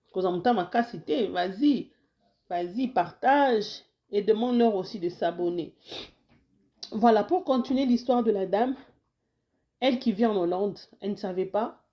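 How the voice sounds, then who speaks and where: In an unhurried, mid-range voice broken by long pauses, a woman from Congo who lives in the US hosts a health video as casual talk to camera. She's slightly hoarse with a cold, restarts often, weaves in Lingala, and warmly urges her viewers.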